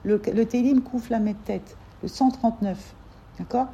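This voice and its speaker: A woman teaching an informal religious class to a group of women, animated, repeating words and acting out little dialogues as she explains. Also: fairly high pitch, measured pace, gravelly, highs cut off.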